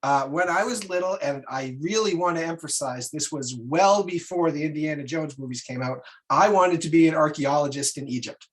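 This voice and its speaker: A man informally moderating an online meeting, giving polite instructions in a halting way. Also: on the high side.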